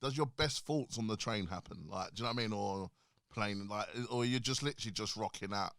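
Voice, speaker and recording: A man hosting a podcast, bantering and throwing in quick jokes. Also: lowish voice, creaky, fairly bright tone, dry recording, clean studio sound. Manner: banters and cracks quick jokes between short backchannels. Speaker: podcast host. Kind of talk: casual podcast chat. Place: podcast studio.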